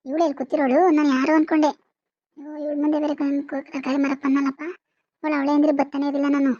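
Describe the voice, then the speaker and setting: A woman's voice: sits high, level tone, racing, mellow, no echo, highs cut off, close to an everyday voice. A woman voicing a humble young vegetable seller in a cartoon. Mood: muttering. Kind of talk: cartoon voice acting.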